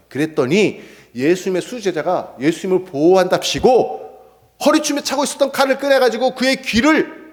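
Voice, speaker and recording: Male pastor, sermon, lively swooping pitch, long church reverb. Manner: animated, acts out scripture quotes. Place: church sanctuary. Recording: echoey church hall.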